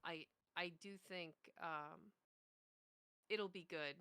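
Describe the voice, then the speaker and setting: Bright, crisp-voiced woman chatting casually. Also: on the low side, slow pace, no echo. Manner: enthusiastic, laughs often, many fillers. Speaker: tabletop game player recapping a session. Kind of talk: casual chat.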